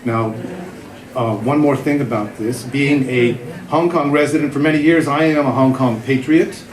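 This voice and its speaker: At a literary festival venue, a middle-aged writer who used to be a cartoonist reads his humorous column aloud, wry and self-deprecating. His medium-pitched voice is fairly even at a moderate pace, heard in an echoey room with background noise.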